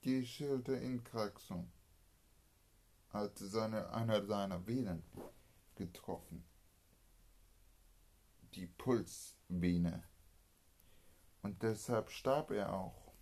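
A man telling a made-up story off the cuff, halting and correcting himself as he goes. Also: lowish voice, a little mellow. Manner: halting, with restarts and self-corrections. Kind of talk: improvised spoken story with character voices.

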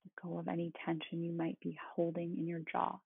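A meditation guide speaking in a calm, meditative tone with a husky, creaky voice. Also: medium pitch, fairly quick. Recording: roomy, phone-like thin sound.

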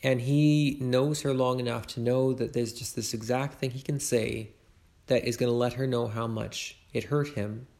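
Man, gravelly voice, informal faith talk, conversational, restarts mid-sentence. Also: mid-range voice, fairly even intonation, moderate pace, darkish tone.

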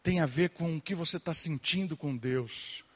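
Man, young pastor, sermon, fairly high voice, animated preaching. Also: normal speed, breathy edge, long reverb tail. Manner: lively preaching, mimics gossiping churchgoers.

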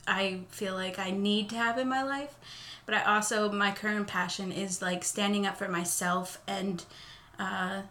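Woman guest with a very bright voice. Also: mid-range voice, fairly even intonation, unhurried. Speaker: podcast guest. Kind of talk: casual chat.

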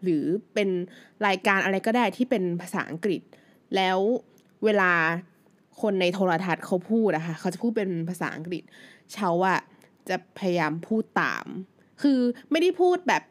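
A woman's voice: medium pitch, expressive, normal speed. A woman in her thirties, a native Thai speaker, hosting her own podcast in a loose, chatty solo monologue full of fillers. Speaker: podcast host. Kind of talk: casual solo podcast chat.

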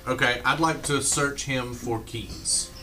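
A man's voice: medium pitch, steady tone, unhurried, sharp tone. A man chatting informally and profanely as a player in a tabletop game. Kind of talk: casual chat. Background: music.

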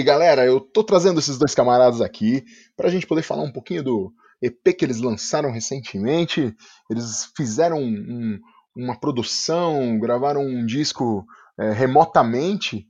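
A man's voice: mid-range voice, normal speed, a little mellow, highs cut off. A man with a Brazilian Portuguese accent hosting a casual podcast interview in an effusive, slangy, hyperbolic way. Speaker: podcast host.

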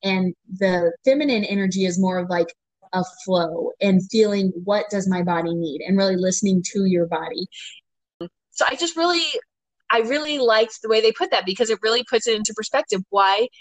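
A woman's voice: medium pitch, brisk, no room sound. A woman hosting a podcast, chatting casually, with a talkative manner, frequent laughs and many "you know" fillers. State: ten months postpartum. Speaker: podcast host and doctor.

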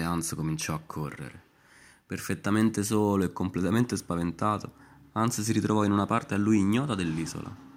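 A male storyteller with a fairly low voice who narrates in a wry, deadpan way. His delivery is irreverent and unhurried. The lines come out in a dry, understated voice.

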